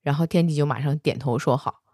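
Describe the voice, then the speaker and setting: A woman casually retelling a fantasy romance novel, chatty, with soft particles at the ends of her sentences. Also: sits low, quick pace, slightly rough, dry recording, clean studio sound. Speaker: storyteller.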